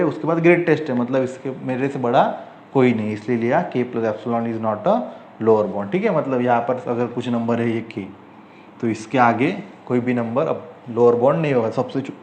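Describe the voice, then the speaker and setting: Indian male math teacher, questioning and repetitive, slow dictation, echoey room. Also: medium pitch, darkish tone. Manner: repetitive, asks the class questions, slow dictation of English terms. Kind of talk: whiteboard math lecture. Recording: echoey room, faint ambient noise.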